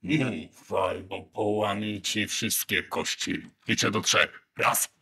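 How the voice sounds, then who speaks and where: Man doing Batman in a disguised deep voice. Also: steady tone, slow pace, bright, forceful tone, breathy edge, heavily acted. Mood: menacing. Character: gruff masked male superhero, menacing. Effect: voice modulator deepening the voice. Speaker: costumed charity volunteer.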